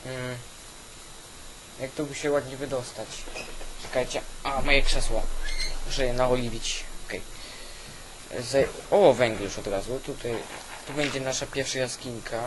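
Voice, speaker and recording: A man's voice: medium pitch, steady tone, measured pace, pauses often. Man with hissy, noisy mic. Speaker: gaming video host. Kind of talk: casual gameplay commentary. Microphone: old cheap weak microphone. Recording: constant hiss from weak microphone.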